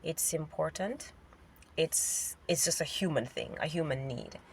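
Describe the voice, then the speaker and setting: A Jamaican vlogger talks casually to the camera while driving through city traffic, musing aloud with lots of fillers. Her deep, creaky voice moves at a measured pace and sounds congested and a bit nasal. The mic sits back from her, so it sounds distant, and road noise is loud.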